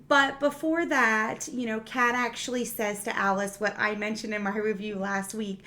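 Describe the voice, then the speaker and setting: A woman's voice: medium pitch, sharp tone. A woman giving a casual spoken review of a TV episode, chatty, with many fillers and restarts, acting out characters' lines as she goes.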